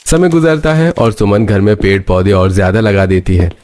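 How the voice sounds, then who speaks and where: A man narrating a family cartoon story in a steady storytelling manner. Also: lowish voice, moderate pace.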